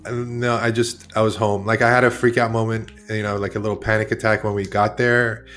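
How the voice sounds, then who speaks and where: A man's voice: on the low side, level tone, brisk, fairly bright tone. A man in his forties, originally from Iran, talking as a guest artist in a casual interview, rambling and correcting himself as he goes. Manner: rambling, candid, self-correcting.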